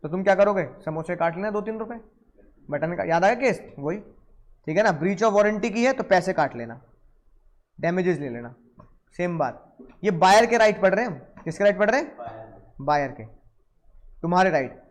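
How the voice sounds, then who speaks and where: A man teaching commercial law in a lively, playful lecture, acting out buyers and sellers in quick asides. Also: high-pitched.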